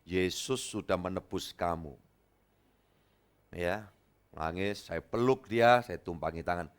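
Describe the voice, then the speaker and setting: A man from East Java preaching a lively sermon as pastor, acting out dialogue in a raised voice. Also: sits low, takes it slowly, clean tone. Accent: Indonesian, East Java.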